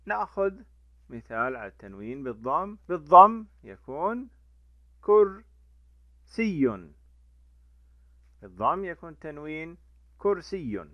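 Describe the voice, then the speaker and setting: A man teaching a letter lesson to children, drawing out each sound slowly and repeating it. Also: fairly high pitch, no echo. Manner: lively, repeats sounds slowly for young learners. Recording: dull lo-fi dry recording.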